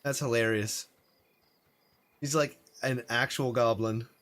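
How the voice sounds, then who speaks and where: A man's voice: medium pitch, fairly even intonation, takes it slowly, fairly bright tone. A man streaming an online game, chatting casually and laughing often as he rambles. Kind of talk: casual live gameplay commentary.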